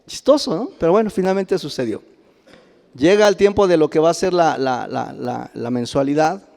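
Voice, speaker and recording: Mexican spanish pastor guy preaching, kinda high voice, chuckles a lot, long echo from the church hall. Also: moderate pace, vocal fry. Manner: animated, chuckles often, rises to loud exclamations. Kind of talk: sermon with personal storytelling. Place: church sanctuary.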